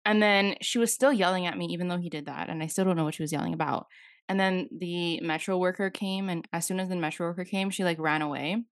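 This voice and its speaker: Young woman podcast host, low-pitched voice, rambling casual storytelling, heavy filler words, dry close sound. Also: fast, no room sound. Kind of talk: casual chat.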